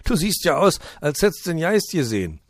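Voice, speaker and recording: A man's voice: a little high, big pitch swings, brisk, no room sound, pitched above the performer's own voice. A man reading aloud voices Otto, an indignant old man in a care home with a Berlin dialect. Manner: grumbling, loud and indignant.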